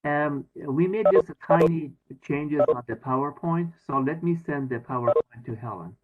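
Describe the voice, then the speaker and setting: A man's voice: a little high, normal speed. A man, a committee member, speaking informally in a meeting on a group conference call. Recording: dull, lo-fi conference call audio.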